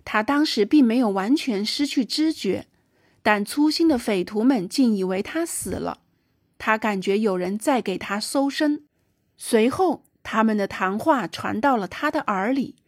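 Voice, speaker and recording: A woman's voice: unhurried, dry recording, studio quality. A woman reading a novel aloud as narrator, lifting her voice for the characters' dialogue. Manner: raises pitch and volume for quoted dialogue. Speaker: audiobook narrator. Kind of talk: scripted narration.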